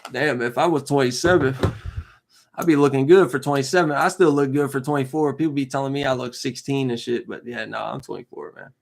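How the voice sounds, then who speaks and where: A man's voice: mid-range voice, brisk, gravelly. A man in his twenties chatting casually on a live stream, rambling with lots of slang, fillers and "you know what I'm saying.". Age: 20s.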